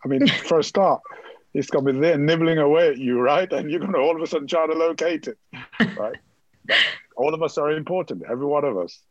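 A man's voice: fairly high pitch, brisk, dry recording, dull audio. A man giving an encouraging, motivational talk as an interview guest, often checking in with "right?", heard over a remote call line.

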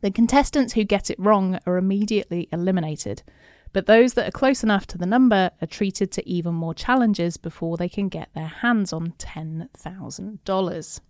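A woman's voice: medium pitch, moderate pace, darkish tone, dry recording, clean studio sound. Giggly woman reading notes. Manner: giggly, laughs often. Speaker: podcast co-host. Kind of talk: reading notes mixed with casual chat.

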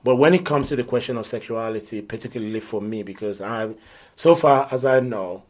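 A man's voice: medium pitch, fairly quick, darkish tone. A man, talking earnestly and reflectively as an interview guest. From Nigeria. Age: 50s. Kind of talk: conversational interview.

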